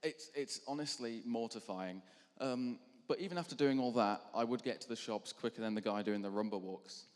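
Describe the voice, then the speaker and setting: A man's voice: mid-range voice, moderate pace, a little mellow. A young man doing a stand-up routine between acts at a charity show, rambling and self-deprecating with lots of ums. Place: large hall on stage. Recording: hall reverb.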